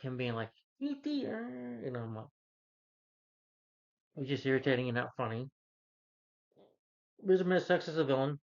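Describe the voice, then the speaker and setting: A man with a fairly high voice rants angrily as a film reviewer. He is blunt and scornful, hammering his points with repetition. The recording is dull and lo-fi. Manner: angry ranting, scornful and emphatic. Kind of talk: opinionated review rant. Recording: dull lo-fi audio.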